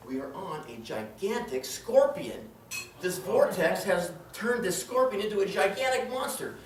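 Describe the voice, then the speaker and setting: Competing in a tall tales contest, a man with a high, sing-song voice tells a comedic tale at normal speed to a live audience indoors. He's theatrical and dramatic, full of exclamations and acted-out quotes, and the recording is noisy and echoey from a distant mic.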